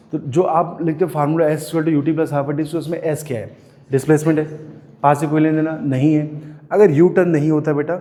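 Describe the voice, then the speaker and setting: A man's voice: on the high side, warm tone, in a large hall. A male physics teacher giving a classroom lecture, firing questions at students and teasing them playfully. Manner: calls out questions and makes the class answer in chorus. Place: classroom at a coaching institute.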